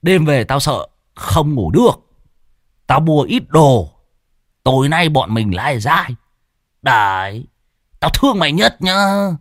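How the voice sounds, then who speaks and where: A man voicing a rowdy, scrawny older man who yells and whines in a high voice. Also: sing-song, takes it slowly, long pauses, no room sound, studio quality, full character voice. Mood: wheedling. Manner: shrill, yelling, whiny.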